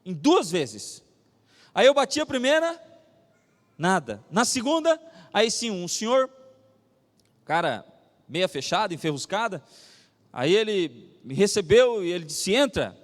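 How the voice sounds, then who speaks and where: A man with a Brazilian Portuguese accent preaching a sermon, telling a personal story with acted dialogue and slowing down to read scripture. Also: sits high. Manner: animated storytelling, acts out dialogue, slows for scripture. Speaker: pastor. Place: church hall. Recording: reverberant church hall.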